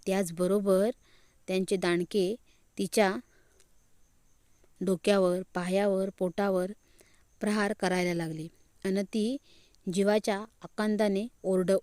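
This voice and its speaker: Woman reading a dramatic story, slow, warm dark tone, dry close sound. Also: mid-range voice, little pitch movement, no echo. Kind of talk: scripted audio story narration.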